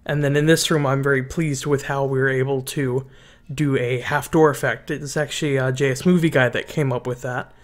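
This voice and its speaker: A man with a mid-range voice gives relaxed, casual voice-over commentary on a Minecraft build. He often pauses with ums and restarts his sentences.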